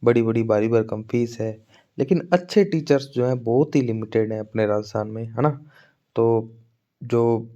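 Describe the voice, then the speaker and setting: A man giving an exam-prep English teaching lecture. He talks conversationally, keeps checking in with "है ना?", and reads the English points slowly before explaining them. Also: mid-range voice, warm tone, lo-fi sound. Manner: conversational, keeps asking "है ना?" to his students. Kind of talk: Hindi lecture on teaching methods.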